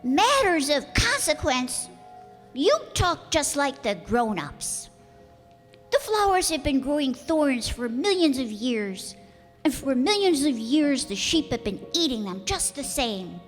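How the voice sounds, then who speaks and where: A high, lilting voice of a small boy prince acted by a woman, earnest and insistent. The delivery is slow and solemn in radio-play style. Long hall reverb surrounds it, with music behind. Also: big pitch swings, heavily acted. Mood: indignant, hurt. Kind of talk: radio drama acting.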